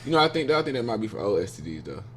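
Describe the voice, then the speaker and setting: A man co-hosting a casual podcast chat, talking fast with lots of fillers and repeats. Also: lowish voice, very animated, a little hiss or hum. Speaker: podcast co-host.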